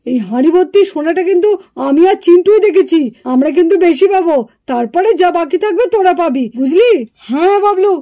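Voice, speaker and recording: A woman voicing excitable, bossy village boys who find gold in a puppet cartoon. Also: very high voice, quick pace.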